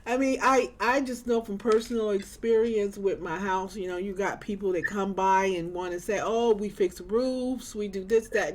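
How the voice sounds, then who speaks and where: A woman hosting a morning show interview, chatting casually in a folksy, colloquial way. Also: mid-range voice.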